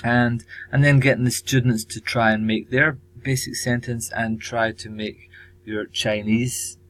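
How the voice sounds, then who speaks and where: A man teacher presenting his language course tasks, measured and pausing often with ums. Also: medium pitch, level tone, fairly bright tone, dry recording, poor audio. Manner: measured, with frequent ums and pauses. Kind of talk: recorded presentation.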